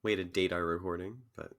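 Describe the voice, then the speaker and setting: A man's voice: sits low, expressive, normal speed, a bit bright. A young man co-hosting a casual podcast, sick with a phlegmy cough, joking and teasing his friend. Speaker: podcast co-host. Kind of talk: casual banter.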